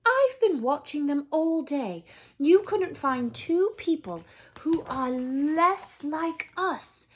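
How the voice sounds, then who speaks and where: A woman's voice: high-pitched, lively intonation, takes it slowly, pitched above the performer's own voice. A woman voicing a stern, anxious older witch professor from a storybook, emphatic and incredulous. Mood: appalled.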